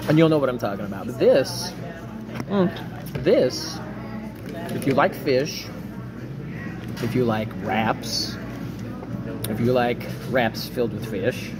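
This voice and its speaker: A man's voice: medium pitch, slow, pauses often. A man reviewing food in a casual, chatty, joking way, talking while his mouth is full of food. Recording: loud background music. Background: loud music.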